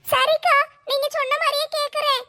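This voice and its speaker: A woman's voice: very high voice, flat delivery, fairly quick, sharp tone, heavily acted. A woman voicing a shy, tearful young woman who speaks in a hesitant, pleading way. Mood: anxious.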